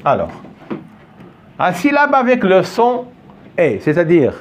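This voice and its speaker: A male French teacher addresses his class with a slightly high voice that swoops up and down. He talks slowly and patiently, repeats words over and over, and keeps asking if the pupils follow. A faint hum of the room sits behind him. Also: wildly swooping pitch. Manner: patient, repeats words and checks understanding often. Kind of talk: classroom lesson. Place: classroom with a board.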